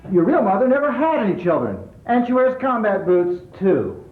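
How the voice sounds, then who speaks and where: A man's voice: high voice, very animated, moderate pace, faint music behind. A man in a comic debate sketch trading snide insults. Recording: tinny echoey lo-fi recording.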